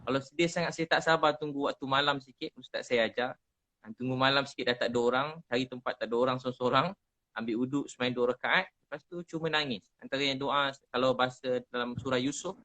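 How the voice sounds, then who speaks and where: A man's voice: mid-range voice, sharp tone, no room sound, low-quality recording. A man with a Malaysian Malay accent, a preacher giving earnest, heartfelt religious advice and repeating his key phrases. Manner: earnest, repetitive, emotionally emphatic. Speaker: Islamic preacher.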